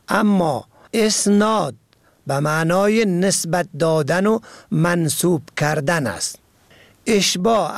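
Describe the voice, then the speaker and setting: A man with an Afghan Dari accent reading a scripted radio program, slow and careful, spelling words out letter by letter. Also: high-pitched, no room sound. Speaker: radio presenter.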